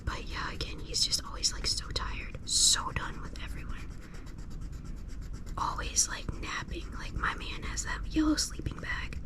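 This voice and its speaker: Casting: female ASMR creator, hushed whisper throughout, casual slangy chat, soft and unscripted. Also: measured pace.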